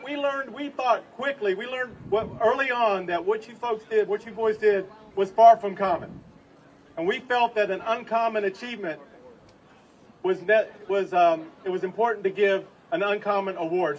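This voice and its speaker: A man announcing as master of ceremonies at an outdoor civic event, halting and often rephrasing as he goes. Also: high-pitched, lo-fi sound. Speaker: city official acting as master of ceremonies. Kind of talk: semi-improvised event announcing. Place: outdoor stage at a public ceremony. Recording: distant outdoor PA with faint noise.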